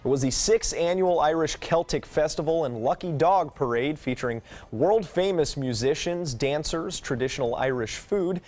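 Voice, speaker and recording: A man's voice: a little high, expressive, moderate pace, few pauses, darkish tone. An American man reading scripted local television news as an anchor.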